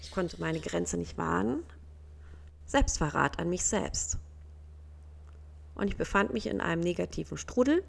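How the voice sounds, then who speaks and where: A woman's voice: on the low side, expressive, a little slow, gravelly, long pauses. A woman coaching the listener in an earnest, personal self-help talk, sometimes acting out other people's reactions.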